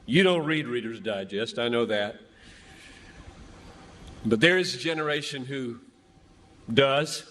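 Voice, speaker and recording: Before a large gathering, a man preaches an impassioned sermon, pleading and emphatic, driving phrases home through dramatic repetition. His medium-pitched, fairly bright voice is animated yet measured, with frequent pauses. The echoey large hall adds long reverb and slight background noise.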